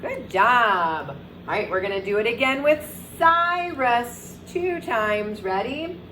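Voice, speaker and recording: A woman teaching young children in a virtual circle time lesson, speaking in a slow, clearly enunciated, encouraging sing-song way. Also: fairly high pitch, lively intonation, bright, forceful tone, slight background noise. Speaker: preschool teacher.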